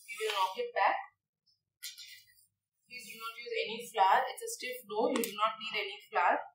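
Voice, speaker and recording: A young woman chef instructor walks through a cooking demonstration step by step in a large teaching kitchen, often saying "okay" and "right." Her voice is on the high side and a bit bright, at normal speed. She's distant from the mic in the echoey room, with a little hiss or hum.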